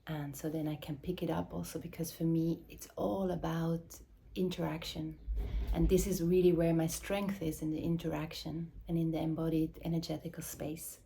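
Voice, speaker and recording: A woman from Switzerland, speaking English as an in a slow, searching, reflective address, often dropping into soft whispers. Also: sits low, level tone, gravelly, a little hiss or hum. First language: Swiss German or Dutch. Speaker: mother and movement teacher. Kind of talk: reflective spoken address to camera.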